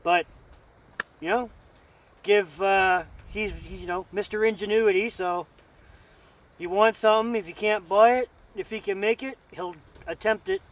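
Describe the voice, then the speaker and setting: A man with a high-set voice hosts a camping vlog. He talks casually to viewers and his friend, wandering from point to point with folksy, joking asides. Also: measured pace, far from the mic, poor audio. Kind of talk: casual chat to camera with a friend.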